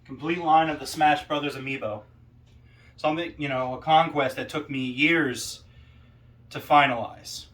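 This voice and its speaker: A man delivering a self-important, accusatory wrestling promo monologue, with deliberate pauses and rhetorical questions. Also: a little high, steady tone, a bit bright.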